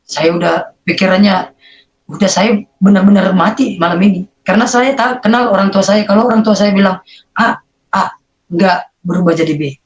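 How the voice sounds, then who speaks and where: Earnest, halting testimony voice. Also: mid-range voice, slight background noise, poor audio. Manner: earnest, halting storytelling with frequent fillers. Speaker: interview guest giving a conversion testimony. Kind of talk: emotional personal testimony.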